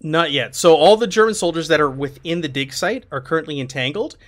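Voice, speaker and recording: Man game master, casual narration, relaxed and chatty, a touch higher-pitched. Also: a little fast. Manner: relaxed, filler-heavy, laughs often.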